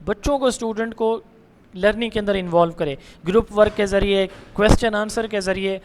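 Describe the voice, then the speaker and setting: A man with a Punjabi Urdu accent giving an online exam-prep lecture, reading English slide headings slowly and explaining them in Urdu with religious phrases. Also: sits high, fairly even intonation. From Pakistan. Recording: long hall reverb with faint noise.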